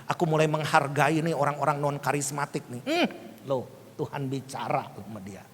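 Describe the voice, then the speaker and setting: A man pastor delivering a lively sermon, moving between quiet storytelling asides and sudden shouted bursts. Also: on the high side, moderate pace, a little hiss or hum. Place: church hall. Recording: echoey hall with faint ambience.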